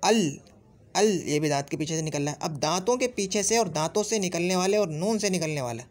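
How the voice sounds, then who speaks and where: Urdu-accented guy teaching arabic grammar, voice a bit high, keeps drilling each sound again and again. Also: animated. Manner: repeats sounds slowly and drills each letter. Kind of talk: classroom-style grammar lesson.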